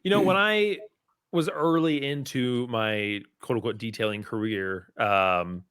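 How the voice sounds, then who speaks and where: A man's voice: mid-range voice, unhurried, clean tone, dry recording. Laid-back man with a dry, close sound. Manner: relaxed, rambling, heavy on "you know" and "um". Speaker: podcast guest, part-time car detailer. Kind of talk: casual conversation.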